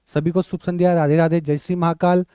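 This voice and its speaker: A male teacher leading an online exam-prep class, drilling letters aloud and repeating questions to his students with lively energy. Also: on the high side, fairly quick, clean tone, no echo, studio quality.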